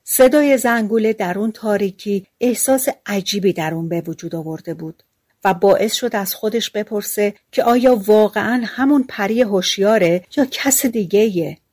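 A woman narrating a fairy-tale audiobook in a calm, even storytelling manner, using relaxed everyday speech. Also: medium pitch, no room sound.

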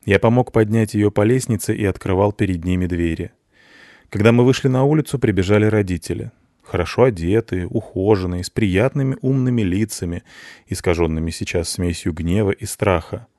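A man narrating an audiobook in the first person, in an even, detached tone. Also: fairly low pitch, a little fast, no echo, studio quality.

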